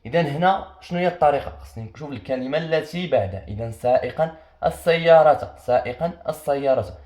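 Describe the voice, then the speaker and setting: A man's voice: medium pitch, expressive, racing, darkish tone. A young Moroccan man teaching an exam-prep grammar lesson. He asks questions and answers them himself, and he repeats the key points. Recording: echoey room.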